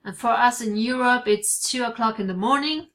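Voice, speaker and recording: Her voice sits a little high and a bit bright, at a normal pace. An Italian-born vlogger in her forties who was raised in Switzerland, she speaks accented English to her desk webcam from a home office full of bookshelves. The talk is casual but halting, with many fillers and restarts.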